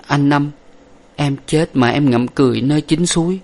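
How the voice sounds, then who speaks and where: A man's voice: on the high side, normal speed, pitched above the performer's own voice, close to an everyday voice. A man voicing a dying young wife who speaks weak, tender farewells to her husband. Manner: soft, faltering farewell.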